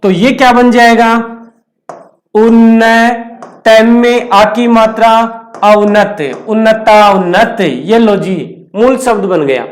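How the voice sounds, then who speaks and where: A man gives a grammar lesson at an unhurried, deliberate pace. He works through each step, repeats himself and asks the class questions before he answers them. His voice rings in an echoey room. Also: high-pitched. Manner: slow, step-by-step, repetitive explaining with questions to the class. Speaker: Hindi grammar teacher. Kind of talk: classroom lecture at a board.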